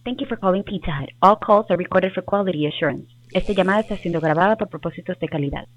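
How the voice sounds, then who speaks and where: A woman's voice: on the low side, rapid-fire, no room sound. A woman reading scripted automated phone menu prompts in an instructional way over a phone line.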